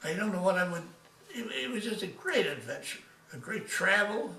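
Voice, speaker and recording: A man of ninety-eight, an old veteran remembering his service in a casual interview, halting and repeating words as he goes. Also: high-pitched, expressive, pushed and bright, a little hiss or hum. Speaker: retired army major, war veteran. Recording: echoey room, distant from microphone.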